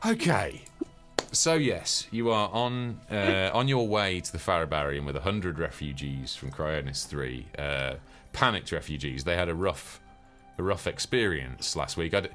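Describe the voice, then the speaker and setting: A man's voice: deep voice, unhurried, a bit bright, soft background music. A man chatting casually and self-deprecatingly as game master of a streamed tabletop game.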